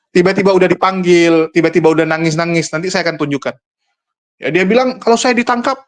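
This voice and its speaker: A man who hosts the show and talks in a casual, argumentative monologue, scornful and full of rhetorical questions aimed at his viewers. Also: high voice. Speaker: host and religious commentator.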